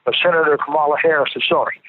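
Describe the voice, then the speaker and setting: A fairly high-voiced man talks on a payphone call, his voice squeezed into a thin, tinny phone band. He speaks earnestly and often stumbles over his words, repeating them as he pushes his point. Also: steady tone, very fast, a crowd in the background. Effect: payphone call over a tinny prison phone line. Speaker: incarcerated interviewee calling in. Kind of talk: casual phone interview. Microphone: prison payphone handset.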